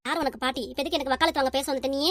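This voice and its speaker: A woman's voice: sits high, steady tone. A woman voicing a stubborn, quarrelsome grandmother. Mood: scornful. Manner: sharp, scolding, rapid-fire. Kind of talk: cartoon family comedy voice acting.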